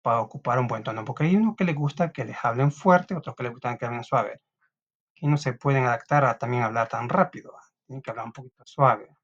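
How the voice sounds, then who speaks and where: A man's voice: medium pitch, quick pace, fairly bright tone. A man with a Salvadoran Spanish accent who teaches a class, reading from a text aloud and often checking in with his students. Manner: reads aloud, with frequent tag questions and restarts. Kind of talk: recorded classroom lesson. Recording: dull lo-fi recording.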